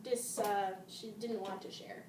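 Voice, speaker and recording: A woman's voice: medium pitch, steady tone, measured pace. A woman teacher chatting through a play's plot, hesitant and full of fillers, often laughing at the story. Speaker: English teacher. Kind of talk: model discussion of a play. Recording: roomy, distant mic, faint noise.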